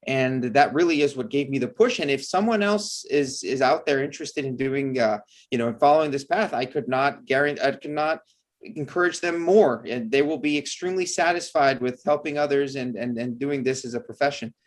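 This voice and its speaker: A man's voice: medium pitch, a little fast. A man from El Salvador whose first language is Spanish, a surgeon answering interview questions earnestly and enthusiastically, with frequent restarts. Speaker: bariatric surgeon guest.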